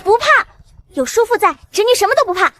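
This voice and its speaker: An actress playing a clever, calm young noble niece in an animated drama dub. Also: female voice, a little high, brisk, natural voice. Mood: playful.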